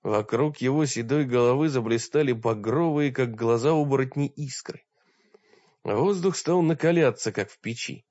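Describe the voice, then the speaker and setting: A man's voice: medium pitch, moderate pace, dry recording. Man reading a fantasy audiobook. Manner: steady storytelling. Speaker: audiobook narrator. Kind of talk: scripted narration. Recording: dull dry recording.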